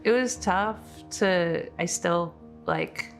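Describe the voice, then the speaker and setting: A woman's voice: fairly low pitch, slow pace, faint music behind. A woman in her forties from Poland, recalling her childhood casually in a documentary interview, with many fillers. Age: 40s. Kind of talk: documentary interview, personal recollection.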